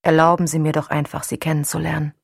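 Lady reading as a quiet guy, calm and patient, low husky voice, dry sound. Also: quick pace, no room sound, full character voice. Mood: gentle. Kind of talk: audiobook dialogue.

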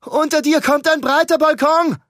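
A man calling as Ruben, shouting up urgently. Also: very high voice, steady tone, normal speed, no room sound, clean studio sound, pitched above the performer's own voice. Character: young man shouting up anxiously from a courtyard.

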